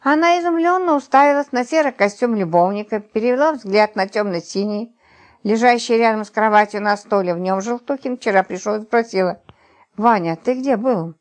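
Expressive woman reading an audiobook. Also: a little high, brisk. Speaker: audiobook narrator. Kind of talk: scripted narration.

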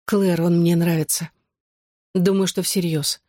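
A woman's voice: lowish voice, little pitch movement, unhurried, warm tone, dry recording, clean studio sound. A woman voicing a shy, embarrassed teenage girl in an audiobook, speaking hesitantly. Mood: sheepish. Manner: hesitant, sheepish.

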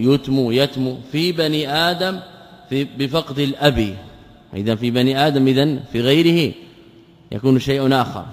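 Man lecturing in a reverberant hall. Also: mid-range voice. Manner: poses rhetorical questions and answers them himself; repeats words and patterns slowly for emphasis. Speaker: Islamic scholar teaching a text. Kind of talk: lecture explaining a classical text.

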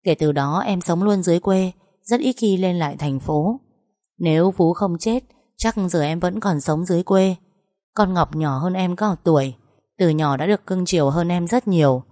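A woman calmly telling a first-person story aloud. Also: on the low side, moderate pace, no room sound, clean studio sound. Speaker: story narrator.

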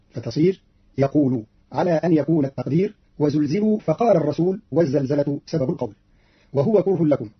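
A man's voice: fairly high pitch, breathy edge. A man narrating as a radio announcer in a formal, instructive manner, heard on a dull lo-fi archival radio recording. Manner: measured, instructive delivery.

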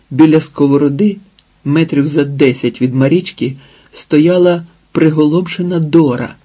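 A man narrating an audiobook in a calm, measured way. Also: fairly high pitch, slightly rough. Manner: calm, measured, unhurried reading. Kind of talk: scripted narration.

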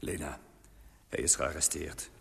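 Grave, hesitant leading man, old radio play; low, gravelly, long hall reverb. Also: a little slow, a bit bright, faint music behind, exaggerated voice. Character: Tom, a grave man, Lena's lover. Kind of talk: old radio drama acting.

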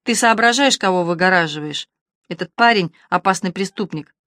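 A blunt, sarcastic militia captain barking his words higher and louder, as a woman narrator puts him on. The recording is close and dry. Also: a little fast, no echo, close to an everyday voice. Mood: brusque.

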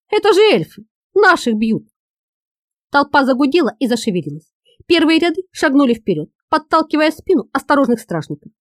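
A woman narrating an audiobook in a lively, expressive reading. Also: high voice, dry recording, clean studio sound.

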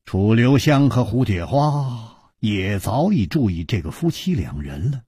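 Husky, animated male storyteller. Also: fairly low pitch, measured pace, no echo, studio quality. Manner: animated, expressive delivery. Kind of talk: broadcast novel storytelling.

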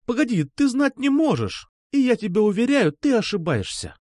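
A man voicing an eager, insistent young woman who keeps pressing to come over, with hurried pleading lines. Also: very high voice, huge pitch swings, a little mellow, dry recording, studio quality, voice pushed up, heavily acted. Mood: anxious. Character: young woman, eager, pushy, uneasy schoolgirl.

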